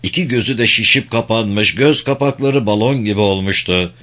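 A man reading a suspenseful novel aloud in a measured, steady narration. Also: fairly low pitch. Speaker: audiobook narrator. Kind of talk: scripted narration.

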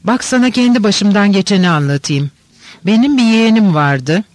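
Older countess, tender mother, calm advising tone, read by a man, higher-pitched voice, dry sound. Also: normal speed, no echo. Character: gentle aging countess, a tender, cautious mother.

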